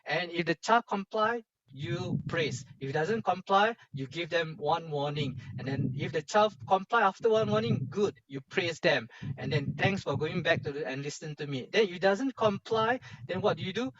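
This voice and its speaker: A man with a Singaporean accent leading an informal online workshop as lecturer, speaking in halting phrases with colloquial Singlish particles. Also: high voice, animated, fairly bright tone, lo-fi sound.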